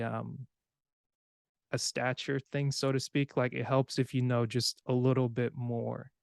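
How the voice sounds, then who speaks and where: Young man, gravelly smooth voice. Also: mid-range voice, no room sound, studio quality. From Cameroon, raised in the United States. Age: young adult. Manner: relaxed, rambling, with filler words and laughs. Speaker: podcast host. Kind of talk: casual conversation.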